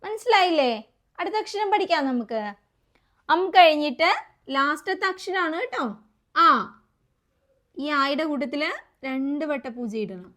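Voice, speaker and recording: A high-pitched woman leads a children's alphabet lesson. She coaxes the kids along with questions and drawn-out letter sounds, patient and repetitive. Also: expressive, a bit bright. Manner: coaxing, asks children questions and repeats letters slowly. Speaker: children's teacher.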